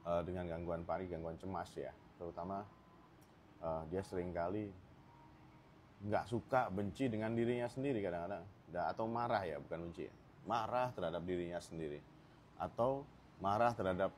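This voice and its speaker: A man talking casually to camera outdoors as the host of a mental health channel, chatty and relaxed, with many fillers and asides. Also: sits low, a little hiss or hum. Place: outdoors in sunlight.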